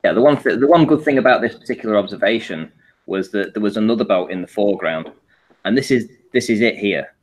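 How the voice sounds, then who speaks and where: A man with a lowish voice and lively intonation talks fast as a panel guest presenting a photo analysis. Informally, he walks listeners through shared images step by step, checking that they follow.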